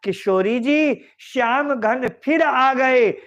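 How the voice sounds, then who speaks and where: A man's voice: very high voice, drawn-out words, fairly bright tone, heavily acted. A man voicing an eager young maiden companion. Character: joyful young female companion, eager and devoted.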